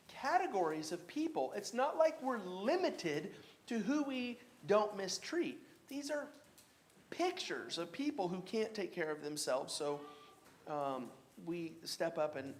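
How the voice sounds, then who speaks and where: A man teaching a church Bible class in a casual, halting way, with many fillers and restarts. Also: high voice, slight background noise.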